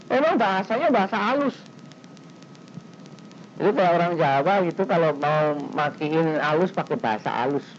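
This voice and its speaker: Animated male pastor, lo-fi old recording. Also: moderate pace. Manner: animated, conversational preaching with sudden pitch leaps. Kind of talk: sermon. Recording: dull, slightly noisy 1990s recording.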